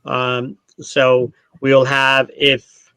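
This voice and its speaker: A Canadian-raised man at the middle of the male pitch range talks through a relaxed video-call tasting. He explains at length, often stopping to correct himself. The recording is close and dry, with no room sound. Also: drawn-out words, clear, resonant tone, no room sound. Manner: explanatory, rambling, with frequent self-corrections. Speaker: distillery brand ambassador. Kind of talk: casual online tasting chat.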